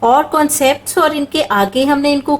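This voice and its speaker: High-voiced woman explaining math step by step. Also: normal speed, low-quality recording. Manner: patient, asks questions and answers them herself. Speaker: math teacher.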